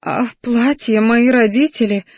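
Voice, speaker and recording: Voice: mid-range voice, lively intonation, unhurried, darkish tone, breathy edge, no room sound, clean studio sound. A reader voicing a whiny clingy young woman. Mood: indignant. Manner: nasal whining, coy pleading. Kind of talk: audiobook character voice.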